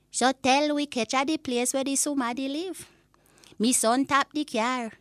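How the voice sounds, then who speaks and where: Woman playing a slow, indignant old Jamaican granny. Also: high-pitched, sharp tone, no echo, clean studio sound, heavily acted. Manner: indignant, drawn-out emphatic storytelling. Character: exasperated old Jamaican granny telling a rant. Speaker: storyteller. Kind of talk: comic monologue rant.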